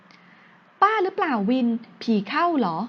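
A flustered, sharp-tongued young woman who snaps and gives orders when cornered, as a woman reads her lines. The voice is high and bright-toned but comes through dull and lo-fi. She sounds exasperated and a little bossy. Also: big pitch swings, measured pace, heavily acted.

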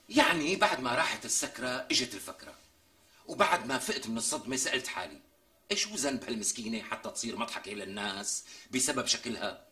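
Brief: fast, lively comic braggart, high bright voice, roomy set sound. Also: male voice. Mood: earnest. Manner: theatrical, exaggerated, drawn-out emphasis. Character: boastful man mocking a woman, melodramatic. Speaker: comic sketch character. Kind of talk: TV sketch comedy acting.

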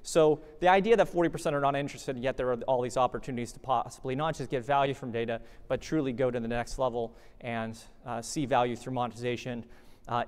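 A man giving a conversational conference talk, animated and full of fillers like "uh" and "you know". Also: medium pitch, clear, resonant tone, big-room sound. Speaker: conference presenter. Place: conference hall.

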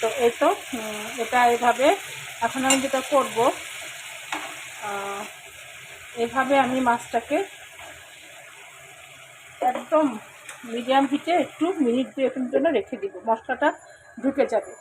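A woman with a hoarse voice, casually talking viewers through her cooking step by step as host of a cooking channel. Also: fairly high pitch, a little slow, long pauses. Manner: talks viewers through each step, mixing in English words. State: hoarse, throat trouble. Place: home kitchen. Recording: sizzling pan noise behind.

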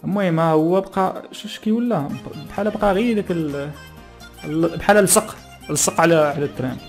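Very fast-talking young Moroccan man. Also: a little high, soft background music. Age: young adult. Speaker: YouTube channel host. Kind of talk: casual reaction commentary in Moroccan Arabic dialect. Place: small plain room indoors. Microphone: close desk microphone.

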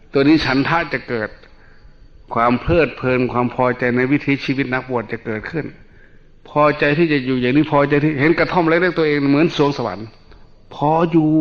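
A male Buddhist monk, calmly explaining meditation in a dharma talk and mixing in English terms. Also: mid-range voice. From Northeast Thailand. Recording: dull lo-fi recording.

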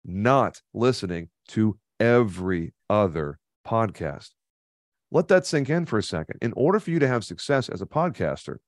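A man in his thirties appears as a podcast guest in a home studio with a neon sign, using a boom-arm studio mic and headphones. In this conversational webinar interview he coaches the listener emphatically, repeating key points, and there is no echo.

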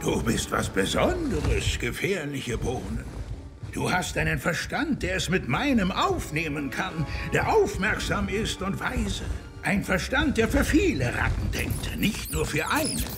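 A sinister animated rat mastermind, speaking as a telepathic voice in someone's head. The delivery is slow, coaxing and commanding, with big swings in pitch. Music plays underneath. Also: male voice, exaggerated voice. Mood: smug, menacing. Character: sinister mind-reading rat overlord, sly and commanding. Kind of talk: animated film dialogue.

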